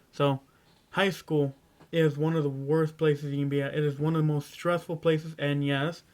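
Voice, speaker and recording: A teenage boy rambling through casual school advice in a vlog, clearing his throat often and stumbling over his words. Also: fairly high pitch, little pitch movement, a little slow, a little mellow. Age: teens. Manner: rambling, stumbling, self-interrupting. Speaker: vlogger.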